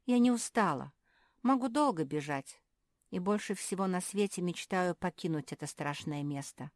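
A woman voicing a gentle, kind young female jerboa in a storybook reading, speaking softly and earnestly. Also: fairly low pitch, lively intonation, moderate pace, no room sound, studio quality, pitched above the performer's own voice, natural voice. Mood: timid. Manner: soft, forgiving, earnest.

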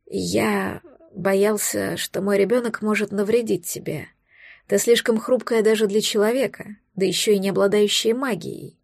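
A woman voicing a thousand-year-old male dragon, anxious and tender, speaking low and pleading in an audiobook. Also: fairly even intonation, moderate pace, creaky, darkish tone, no room sound, clean studio sound. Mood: remorseful.

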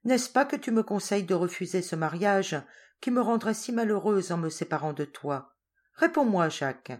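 A woman's voice: mid-range voice, lively intonation, moderate pace, natural voice. A woman reading the part of an earnest eighteen-year-old girl in a storybook, pleading and sweet.

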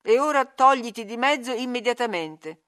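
A woman's voice: on the high side, moderate pace, a bit bright, pitched above the performer's own voice, natural voice. A woman reading aloud, voicing a surly, scornful young farmhand who snaps and growls. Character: surly, sullen young man, rough farmhand.

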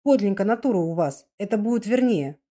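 A woman's voice: mid-range voice, expressive, a little fast, mellow, lightly acted. A woman voicing a young male revolutionary who speaks in clipped, angry bursts. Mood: fierce. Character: young male revolutionary, hot-headed and fierce.

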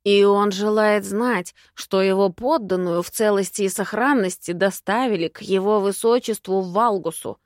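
A woman voicing a cocky young immortal man who lies smoothly and talks in a calm, self-assured way, in an audiobook. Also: medium pitch, moderate pace, hardly any pauses, no echo, studio quality, close to an everyday voice.

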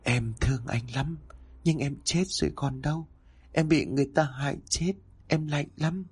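A cold, sorrowful young woman's ghost voiced by a man murmurs faintly in a horror audio story. The voice is husky and breathy, and the murmur is mournful. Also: on the high side, normal speed, pitched above the performer's own voice. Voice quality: faint, hushed, echoing. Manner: soft, mournful.

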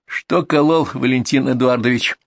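A man voicing a gruff, tired male ambulance doctor with a stern, mocking manner, in a storybook reading. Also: medium pitch, steady tone, normal speed, no room sound, voice pushed up, close to an everyday voice.

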